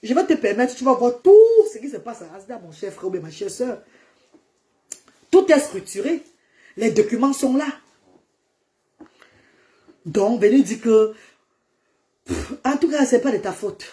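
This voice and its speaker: A woman speaking on a livestream in a fairly high voice, defiant and emphatic. She answers her critics head-on and drops into English phrases now and then. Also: lively intonation, measured pace, pauses often, mellow. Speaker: charity founder on a livestream. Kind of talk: live social media monologue.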